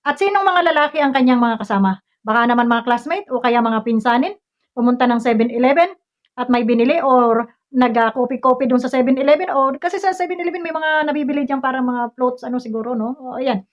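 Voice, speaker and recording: Fast scolding high-voiced Filipina woman. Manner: scolding, confrontational, many rhetorical questions. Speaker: vlogger ranting at a commenter. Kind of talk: heated commentary rant. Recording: dull lo-fi recording.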